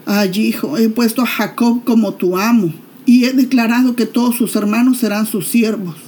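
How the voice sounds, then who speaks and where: Lady doing old blind dad from a bible story, mellow low-key voice, slow and grave. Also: steady tone, husky. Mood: distressed. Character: aged blind father, gentle and grave.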